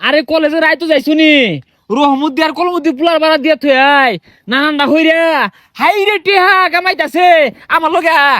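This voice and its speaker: A man's voice: very high voice, flat delivery, fast, sharp tone, no room sound, studio quality. A man with a playing a bossy, teasing village elder in a comedy sketch. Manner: teasing, bossy, breaks into folk songs. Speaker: comic village elder character. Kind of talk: rustic comedy sketch in dialect.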